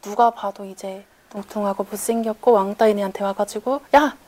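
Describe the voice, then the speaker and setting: A woman interviewee talks quickly and bluntly. Her voice sits at a middling pitch with a dark, mellow tone. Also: little pitch movement, a little hiss or hum. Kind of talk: recorded interview storytelling.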